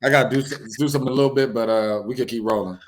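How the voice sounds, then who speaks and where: A young man co-hosting a casual chat over a video call, relaxed and agreeable. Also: mid-range voice, rapid-fire, a little hiss or hum. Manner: relaxed, agreeable, short affirmations. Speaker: co-host. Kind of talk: casual conversation.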